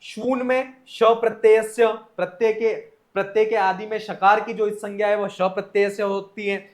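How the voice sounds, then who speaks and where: A man's voice: high voice, flat delivery, moderate pace. A man teaching a Sanskrit grammar lesson, reading out each exam question and then explaining the answer step by step. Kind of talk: exam test solution lecture.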